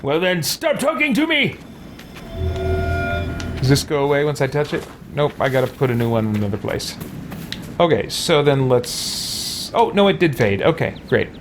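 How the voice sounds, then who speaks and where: This streamer and let's play host has an expressive, medium-pitched voice at normal speed, with music playing behind him. Chatting with viewers, he offers loose gameplay commentary, musing out loud and responding to messages from chat.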